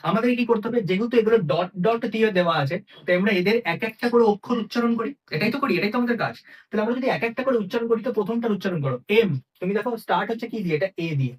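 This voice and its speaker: A man with a Bengali accent teaching an English grammar lesson, sounding out letters and words and often asking his students whether it is clear. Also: high-pitched, animated, very fast, poor audio. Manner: repeats sounds aloud, quizzing students.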